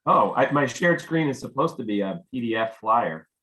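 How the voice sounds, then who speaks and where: A man, a little hoarse, chatting casually while setting up a video call as host. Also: mid-range voice, expressive, moderate pace, bright, forceful tone, rough recording. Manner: chatty, easygoing, mutters while working. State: losing his voice. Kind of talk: casual Zoom tech check. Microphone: computer mic on video call.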